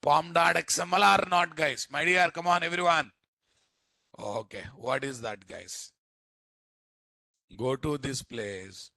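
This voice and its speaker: A programming instructor with an Indian accent leads a live coding lecture, repeatedly quizzing his listeners. His fairly high voice is sharp with vocal fry, unhurried, and recorded dry.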